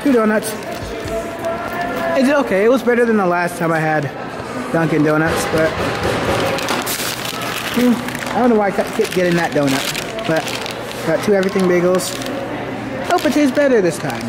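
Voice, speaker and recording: A man's voice: sits high, very animated, normal speed, long pauses, over loud music. A young man from Canada chatting offhand and teasing as he vlogs a trip into a handheld camera. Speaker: vlogger. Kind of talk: casual vlog narration. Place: stores, car and shopping mall.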